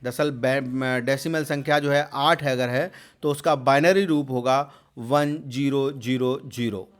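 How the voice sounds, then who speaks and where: Speaking at a medium pitch with a steady, smooth tone, this male computer exam tutor explains the quiz answers. His delivery is full of repeated terms, "jo hai" fillers, and pauses, and his voice rises sharply each time he announces the next question.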